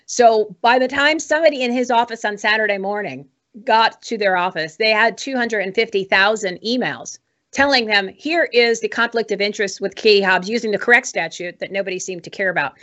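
A woman's voice: mid-range voice, a little fast, a bit bright. An American woman hosting a political talk show, giving informal commentary in an emphatic, exhorting manner. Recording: dull, muffled lo-fi audio.

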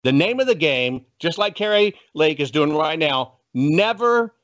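Man, American, political activist guest; highish voice with big pitch swings, punchy and folksy, preaching to listeners. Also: sing-song, measured pace, fairly bright tone. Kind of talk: motivational political commentary. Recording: dull, muffled lo-fi audio.

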